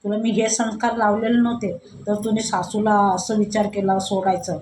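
A woman's voice: mid-range voice, flat delivery, a little fast, background noise, close to an everyday voice. A woman voicing a stern elderly mother who scolds and disowns her daughter. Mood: stern rebuke. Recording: echoey room.

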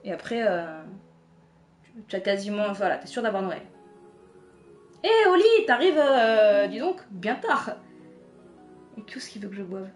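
A woman's voice: mid-range voice, normal speed, long pauses. Chatty woman streamer, faint game music. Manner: chatty, chuckling, reads chat aloud. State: tired, late at night. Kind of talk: casual live-stream chat.

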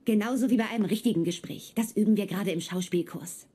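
A woman's voice: medium pitch, fast talker, dark tone, husky, lightly acted. A woman dubbing a bubbly young neighbor and aspiring actress in a sitcom, chatty and encouraging. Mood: friendly. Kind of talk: dubbed sitcom acting.

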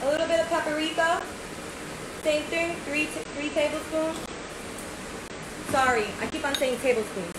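This high, steady-toned woman in her thirties hosts a laid-back home cooking video, moving at a moderate pace with frequent pauses. She chats through each step and keeps checking in with "right?". The audio comes from a phone camera at arm's length in a noisy kitchen full of echo.

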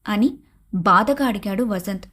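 A woman narrating an animated moral story in a steady storytelling manner. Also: mid-range voice, unhurried. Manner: even, storytelling narration between dialogue.

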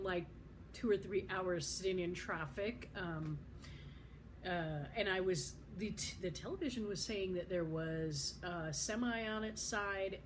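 A woman's voice: medium pitch, background noise. A middle-aged woman chatting in a rambling travel vlog from a hotel room, laughing often, recorded on a phone held at arm's length. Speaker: vlogger. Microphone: phone camera at arm's length.

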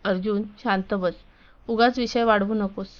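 A woman's voice: medium pitch, fairly even intonation, moderate pace, close to an everyday voice. A woman voicing a fond older father who turns stern, in a story reading. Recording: dull lo-fi recording.

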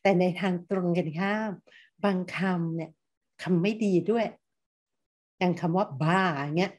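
A woman's voice: on the low side, fairly even intonation, normal speed, a little mellow. A middle-aged woman giving a university lecture, who asks her students questions and acts out different tones of voice as examples.

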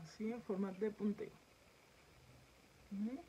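A woman's voice: mid-range voice, steady tone, a little slow, dark tone, highs cut off, a little hiss or hum. A woman makeup vlogger demonstrating a makeup tutorial, chatting directly to her viewers as she films herself at home. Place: home setup filming herself.

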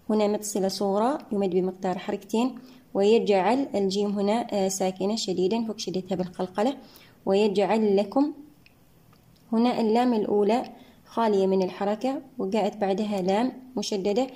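A woman teaching the rules of Quran recitation step by step, pausing often with "ah" fillers between points. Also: medium pitch, warm tone. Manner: methodical, pauses with frequent "ah" fillers; chants verses slowly and drawn out. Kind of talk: tajweed lesson explaining recitation rules.

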